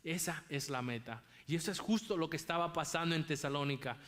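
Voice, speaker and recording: A man's voice: a little high, a little fast, a bit bright. A man preaching a sermon as pastor, emphatic and repeating key phrases for weight.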